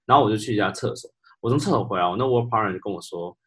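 Lowish-voiced man telling work stories. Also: very fast. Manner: animated, laughs often, mixes English words into speech. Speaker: podcast co-host. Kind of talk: casual storytelling chat.

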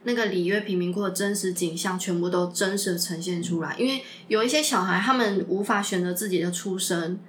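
A woman hosting a podcast, chatting casually in an expressive, emphatic way. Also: lowish voice, a little fast, few pauses, a little hiss or hum. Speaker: podcast host. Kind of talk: casual chat about a film.

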